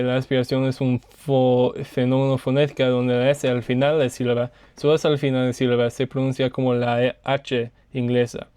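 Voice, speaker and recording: Hesitant man presenting slides, smooth voice. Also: medium pitch, a little mellow, no room sound. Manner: hesitant, many fillers and self-corrections. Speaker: student presenter.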